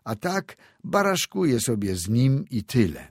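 A man's voice: medium pitch, big pitch swings, unhurried, husky, no room sound, clean studio sound, heavily acted. A man voicing a poor, resigned widowed mother in a read-aloud story. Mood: muttering. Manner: plaintive, resigned grumbling.

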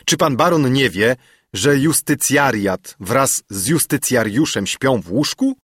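A man's voice: mid-range voice, animated, a little slow, a bit bright, slightly rough, no room sound, clean studio sound, voice pushed up. A man reading aloud, voicing a stern, sarcastic old grandfather who scolds his young cousin. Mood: gruff mocking.

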